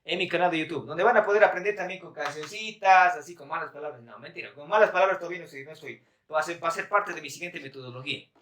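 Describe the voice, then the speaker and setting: A man's voice: on the high side, fast, few pauses, a bit bright, echoey room, distant mic. A man teaching a live-stream language lesson in a chatty, laughing way, reading viewer comments aloud. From Bolivia. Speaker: Quechua teacher.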